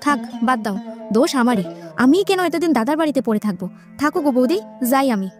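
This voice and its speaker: A woman's voice: high-pitched, expressive, fast talker, faint music behind. A woman voicing an upset young village woman in a cartoon, agitated and complaining.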